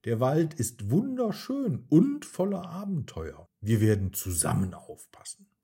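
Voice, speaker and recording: A cheerful, gentle young woman from a children's storybook, speaking softly and reassuringly, as a male narrator puts her on. Her tone is soothing and patient, with a husky edge. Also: medium pitch, wildly swooping pitch, unhurried, exaggerated voice.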